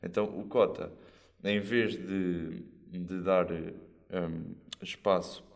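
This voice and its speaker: A man's voice: sits low, fairly even intonation, slow, creaky. A man with a European Portuguese accent, hosting a podcast and telling stories in a rambling, slang-filled way. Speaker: podcast host. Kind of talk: casual chat.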